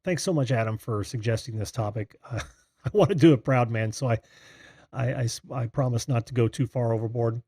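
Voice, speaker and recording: A breathy American man hosts a casual live call-in stream. His tone is soft-edged and dark, in a dry-sounding space. He rambles in a distracted way and addresses viewers like old friends. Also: mid-range voice, fairly quick, no room sound. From Indiana, United States. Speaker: host of a live call-in show.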